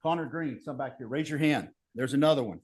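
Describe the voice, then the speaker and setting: A middle-aged man, a county road crew supervisor, giving a forceful, earnest public comment at a county board meeting podium. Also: mid-range voice, a little fast, noisy background. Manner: forceful, earnest, rising to emphatic appeals.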